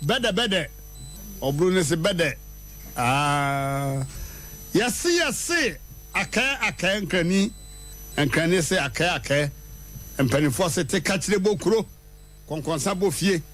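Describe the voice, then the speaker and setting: A man hosting a radio show, telling a story in a lively way and leaping high in pitch for punchlines. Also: slow pace, long pauses, faint music behind. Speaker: radio host. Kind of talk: animated radio storytelling and proverbs. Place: radio studio.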